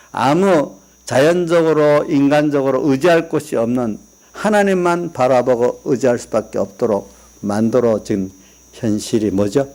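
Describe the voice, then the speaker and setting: A man's voice: medium pitch, darkish tone. A man preaching a sermon in a church, asking the congregation questions and telling personal family stories in an easygoing, conversational way. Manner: tells personal stories, quoting family members. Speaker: pastor. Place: church sanctuary.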